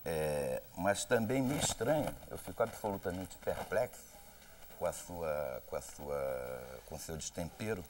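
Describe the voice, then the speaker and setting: A man's voice: sits low, expressive, measured pace, a little mellow, slight background noise. A man with a Brazilian accent, a journalist pressing a guest with combative, insistent questions in a heated televised debate. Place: television studio.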